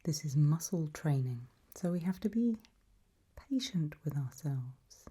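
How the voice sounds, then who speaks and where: A woman performs an ASMR role-play as a gentle yet eerie undead mentor in a creepy audio drama, coaxing and instructing softly with quiet unease beneath. Her very breathy, husky, low voice is mellow at the edges, animated, unhurried and exaggerated, patient in mood.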